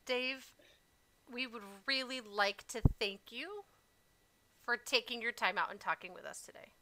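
A woman's voice: on the high side, measured pace, sharp tone, a little hiss or hum. A woman co-hosting a casual video-call chat, chiming in with brief, laid-back remarks. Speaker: co-host.

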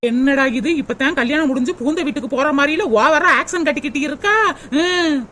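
Fast high-pitched snarky cartoon daughter-in-law. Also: female voice, a bit bright, slight background noise. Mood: sarcastic. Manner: sarcastic, complaining. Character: sharp-tongued grumbling daughter-in-law.

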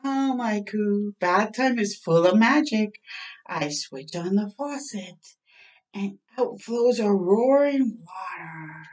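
In a small home bathroom, a middle-aged woman reads a picture book aloud for children's storytime, animated and slow, her mid-range voice somewhat dark; she reads expressively, stretches out words, and makes asides. The mic sits slightly away from her in the room.

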